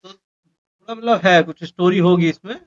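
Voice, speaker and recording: A young man chatting excitedly and jokingly with friends in a small indoor room. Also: sits high, normal speed, highs cut off. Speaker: reaction video co-host. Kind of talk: casual chat.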